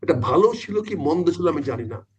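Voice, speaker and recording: A man's voice: on the high side, expressive, a little fast, darkish tone, lo-fi sound, slight background noise. An older man, a talk show guest, speaks insistently and repeats his points for emphasis. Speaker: political guest.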